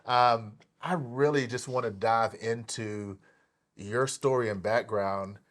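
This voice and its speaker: A man hosting an interview show, talking with animated enthusiasm and lots of fillers and restarts. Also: mid-range voice, slow. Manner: animated, hyped delivery with many fillers and restarts. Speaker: podcast host.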